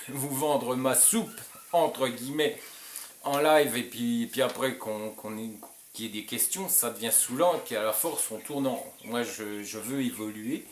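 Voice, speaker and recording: A man's voice: mid-range voice, a bit bright, reverberant, slight background noise. A French man hosting his channel, talking bluntly and emphatically, with frequent restarts and short chuckles. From France. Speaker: channel host. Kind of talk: casual direct-to-camera talk.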